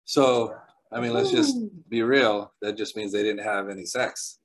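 A man preaching a sermon, telling stories with bursts of excitement, laughter and quieter asides. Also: lowish voice, measured pace, crowd noise, low-quality recording. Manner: animated storyteller, laughs often, jumps between loud excitement and quiet asides.

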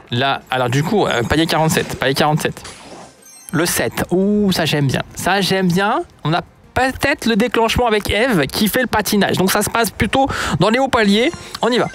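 Casting note: French male gaming YouTuber, fairly high voice, excitable and mock-outraged, light music under his desk-mic commentary. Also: moderate pace. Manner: animated, exclaiming, mock-outraged. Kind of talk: pack opening commentary.

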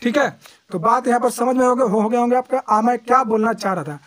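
Brief: man, high voice, dry close lapel sound, chatty tutorial host who keeps restarting himself. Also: fast talker, a bit bright, no room sound. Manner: chatty, repeats fillers, frequent restarts. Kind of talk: casual screen-recorded tutorial. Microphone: lapel mic.

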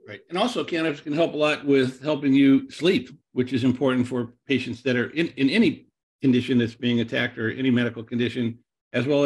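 A man hosting a webinar, presenting slides in a loose, rambling way with repeated words and restarts. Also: mid-range voice. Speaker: webinar host.

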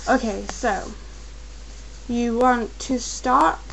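A young woman who is coming down with a cold gives patient, step-by-step craft instructions from her home desk as a tutorial maker. Her fairly high voice is gravelly, and the low-quality recording has slight background noise. She repeats steps and is slow and careful at times.

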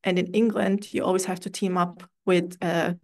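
Speaking English over a video call from a room at home, a young Austrian woman tells her story as an interview guest, relaxed and chatty. Her pitch is fairly low and her pace moderate, in a casual interview chat.

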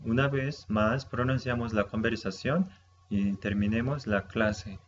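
Patient, slow-talking male language teacher. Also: medium pitch. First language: Japanese. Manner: slow, patient, repeats words and checks with "¿sí?". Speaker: Japanese teacher. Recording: slightly dull with faint ambient noise.

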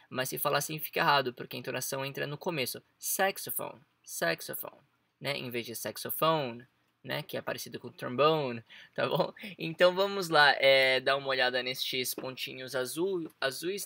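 A young Brazilian man with a Brazilian Portuguese accent, giving a relaxed vocabulary lesson. His voice is bright and clear, recorded close and dry with no room sound. He chats with many little fillers and drills each word slowly. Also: mid-range voice, no room sound. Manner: chatty, lots of fillers, repeats words slowly for pronunciation. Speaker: English teacher.

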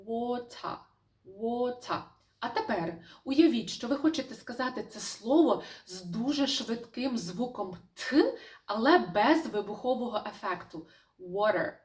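Lively woman teaching pronunciation. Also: medium pitch, far from the mic. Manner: lively, demonstrates words slowly and repeats them. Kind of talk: online pronunciation lesson.

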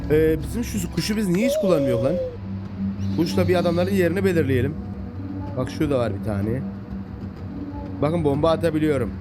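Excitable man in lively game commentary. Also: on the high side, a little fast, long pauses, loud music behind the voice. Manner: excitable, chatty, talks to the game animals. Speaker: gameplay commentator. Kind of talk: casual let's-play commentary.

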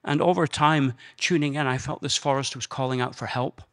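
An older man with a Scottish accent, giving an earnest, measured personal talk at a conference on a handheld microphone. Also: mid-range voice, steady tone, a bit bright. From Scotland. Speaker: conference speaker. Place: conference room.

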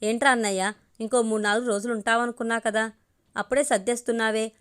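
A woman's voice: fairly high pitch, little pitch movement, fast, a bit bright, smooth, natural voice. A woman reading the lines of a playful, fond younger sister in an audio story, coaxing and teasing.

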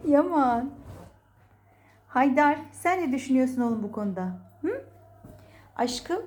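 A woman's voice: sits high, a little mellow. A woman at home filming her cats on a phone, giving casual running commentary, laughing often and playfully cooing at and scolding them.

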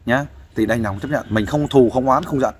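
A man's voice: medium pitch, normal speed, darkish tone, slight background noise. A man giving fatherly, persuasive advice in a casual interview, often asking for agreement. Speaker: volunteer counselor interviewing a guest.

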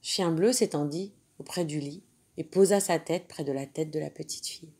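Low, husky woman reading a children's story. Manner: slow, expressive reading.

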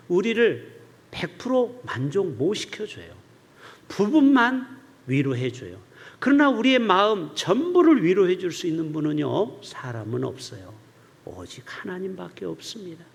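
A man preaching in a church, his voice high for a man and full of rising and falling melody. He jumps from loud, urgent bursts to soft, low asides as he speaks to the congregation. A long hall reverb trails after his words. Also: normal speed, creaky. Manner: animated preaching, swings between loud outbursts and hushed low asides. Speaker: pastor. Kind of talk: sermon. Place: church sanctuary.

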